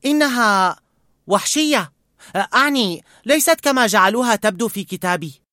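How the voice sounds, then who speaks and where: A man voicing an eager, chatty young boy scout in a storybook reading, speaking high, loud and earnest. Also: animated, moderate pace, no echo, studio quality.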